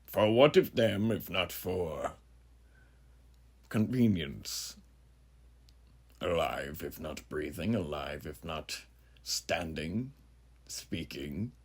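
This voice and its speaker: Casting: an imposing frontier judge villain, horror audio drama. Husky, slow, grandiloquent, politely menacing. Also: male voice, low-pitched, animated, heavily acted. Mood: philosophical, ominous. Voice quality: gravelly, husky. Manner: grandiloquent, unhurried, theatrical, with dramatic pauses. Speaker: voice actor. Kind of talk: immersive horror audio roleplay monologue.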